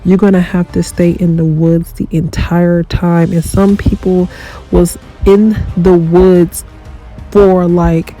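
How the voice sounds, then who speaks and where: Stuffy nose from a cold, rambling casual review, dark voice, faint background music. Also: medium pitch, flat delivery, slow pace, low-quality recording. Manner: rambling, conversational, lots of fillers. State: congested from a cold. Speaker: show reviewer.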